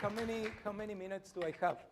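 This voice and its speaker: A man from Chile, a university professor, giving a brisk, informal conference talk with light jokes. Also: high-pitched, very noisy.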